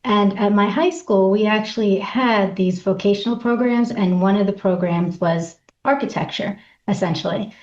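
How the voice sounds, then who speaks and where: A middle-aged woman from New York, a guest in an interview, talking quickly and chatting easily with the odd laugh. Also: medium pitch, darkish tone, echoey room, muffled recording. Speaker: guest, patent consultant. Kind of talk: conversational interview.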